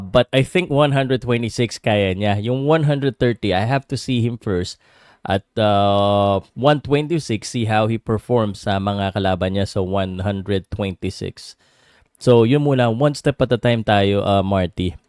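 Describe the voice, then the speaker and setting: Smooth-voiced Filipino man hosting a casual livestream. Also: lowish voice, measured pace, a little mellow, dry recording, clean studio sound. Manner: switches between English and Tagalog. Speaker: livestream host and boxing commentator. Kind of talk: casual livestream chat with viewers.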